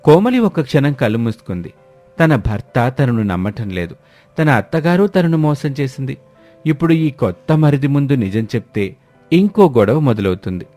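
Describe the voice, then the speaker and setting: A man narrating a family story in a steady, expressive storytelling manner. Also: medium pitch, normal speed, faint music behind.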